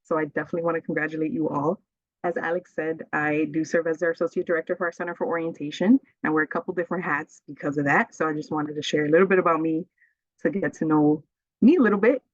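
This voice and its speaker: Speaking quickly in a low, fairly even voice, a woman from the Bronx, New York, gives an upbeat, friendly webinar presentation as an associate director, saying "um" often. She's on a video call through her laptop mic, and the audio sounds dull and dry.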